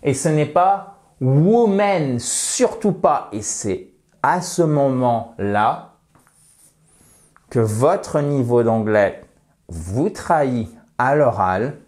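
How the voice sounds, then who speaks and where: A French-speaking man teaching an English grammar lesson, slowly and emphatically repeating example words with playful asides. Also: medium pitch, lively intonation, darkish tone. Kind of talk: lesson explaining grammar and pronunciation.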